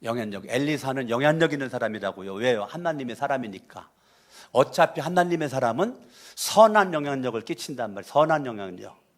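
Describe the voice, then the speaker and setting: A pastor from Chungcheong preaching a sermon, emphatic and repetitive, often calling on the congregation to answer. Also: male voice, medium pitch, expressive, a little fast. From Chungcheong, Korea. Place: church sanctuary.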